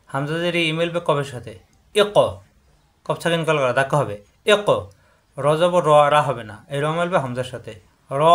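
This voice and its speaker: A man's voice: a little high, a bit bright. A man with a Bangladeshi Bengali accent teaching Quran reading, spelling out Arabic letters and repeating each syllable in drills. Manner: chanting drills, repeats each sound several times.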